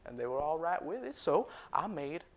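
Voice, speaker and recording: A man's voice: on the high side, big pitch swings, normal speed. A man playing a proud former slave turned barber entrepreneur, telling his story in a folksy first-person monologue with frequent chuckles. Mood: boastful. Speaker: historical reenactor.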